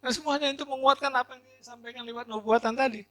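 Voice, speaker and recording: High-voiced man preaching, mains hum. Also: steady tone, quick pace. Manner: emphatic preaching with swings from loud to hushed. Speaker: pastor. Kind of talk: sermon.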